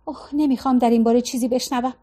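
A woman's voice: a little high, steady tone, mellow, natural voice. A woman reading aloud as a tired, exasperated middle-aged wife with a sarcastic edge. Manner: fed-up, sarcastic.

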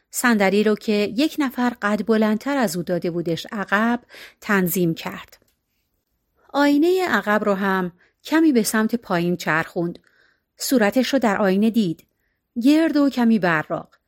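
A woman narrating a story in a steady storytelling voice, shifting expressively from line to line. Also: medium pitch. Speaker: audiobook narrator.

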